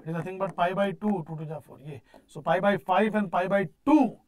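A man with a North Indian accent gives a classroom lecture in a high-pitched voice. He repeats key phrases with emphasis and often puts questions aloud before answering them himself. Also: brisk. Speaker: teacher of exam-prep engineering course. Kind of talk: classroom lecture mixing English with Hindi. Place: indoor teaching studio at a digital board.

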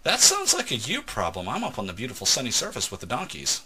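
Guy hosting a let's play, bright tone, jumps all over in pitch, joking around. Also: wildly swooping pitch, fast, slightly rough. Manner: joking, teasing storyteller. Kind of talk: casual gameplay chat.

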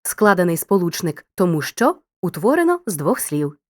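A woman narrating a grammar lesson in a clear, scripted, teacherly way, speaking directly to the listener. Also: fairly low pitch, very animated, moderate pace, dry recording, clean studio sound.

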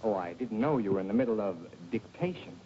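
Touchy novelist husband, 1940s film style, lively swings, dull old soundtrack. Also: male voice, fairly high pitch, fast, a little hiss or hum. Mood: sarcastic. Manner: indignant, sharp-tongued. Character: proud, jealous male novelist husband.

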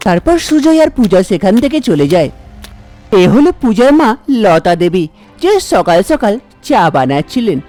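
A woman's voice: medium pitch, big pitch swings, moderate pace, mellow, soft background music. A woman narrating a cartoon story in a plain storytelling way.

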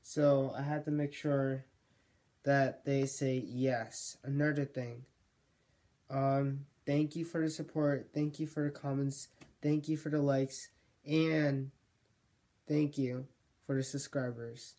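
Rambling young male vlogger, slow mellow voice. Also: medium pitch, level tone. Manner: rambling, self-correcting, jokey. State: losing his voice. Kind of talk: casual vlog monologue.

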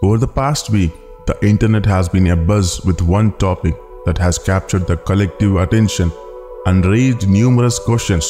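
A man giving scripted documentary narration as a channel narrator, in a solemn, measured and earnest way. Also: deep voice. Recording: long reverb with background music.

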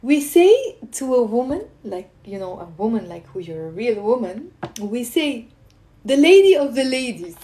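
A woman in her thirties with a Lebanese accent teaches a language informally on a live stream, encouraging and animated, repeating words carefully for her viewers. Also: fairly high pitch, moderate pace, a little hiss or hum. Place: small indoor room at home. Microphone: phone at arm's length.

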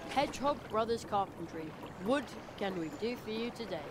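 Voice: medium pitch, animated, moderate pace, a crowd in the background, lightly acted. An actor voicing a polite, curious young boy adventurer in a video game, making mild, musing remarks. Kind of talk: video game character acting. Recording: loud music behind the voice.

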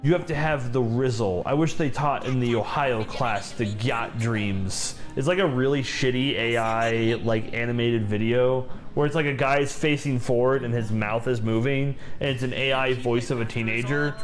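A man's voice: medium pitch, steady tone, normal speed, few pauses. A man doing casual gameplay commentary as he plays, joking, swearing freely and repeating his phrases. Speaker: gaming host playing the game. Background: game music.

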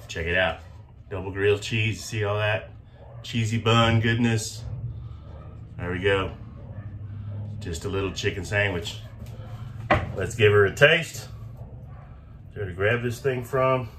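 A man's voice: fairly low pitch, measured pace, long pauses, a bit bright, a little hiss or hum. A man hosting a casual cooking vlog at an outdoor grill, upbeat and repeating words for emphasis. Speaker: cooking channel host.

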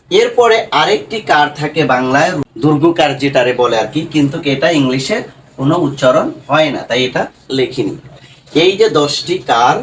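A man's voice: fairly high pitch, recorded from a distance, a little hiss or hum, poor audio. A man teaching a classroom lesson on English reading, asking questions and then answering them, often adding "right?". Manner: addresses viewers as students.

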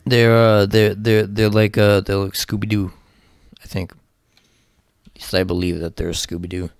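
A man's voice: on the low side, flat delivery, a little slow, smooth, dry recording. A man giving casual, rambling let's play commentary, swearing often and talking to himself as he plays. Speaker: gaming channel host.

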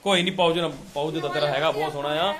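A man's voice: fairly high pitch, steady tone, fast, crowd noise. A man vlogging with his family, chatting casually and teasing his daughter. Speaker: vlogger, father.

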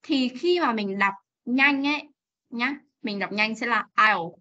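A young woman with a Vietnamese accent teaches English pronunciation in an online class, coaxing and drilling. Her voice is bright and fairly high. It comes through as dull, lo-fi video call audio. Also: unhurried.

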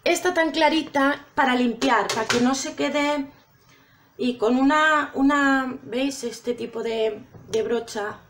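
A woman's voice: sits high, slow pace, fairly bright tone, slight background noise. A woman chatting casually to her viewers while trying out makeup. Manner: chatty, addresses viewers directly. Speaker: makeup vlogger.

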